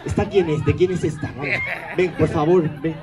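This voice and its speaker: Sarcastic high-voiced stage comedian, man. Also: fairly even intonation, moderate pace, a crowd in the background, poor audio. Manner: sarcastic, mock-grumpy, teasing the audience. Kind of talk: live stage comedy with audience banter.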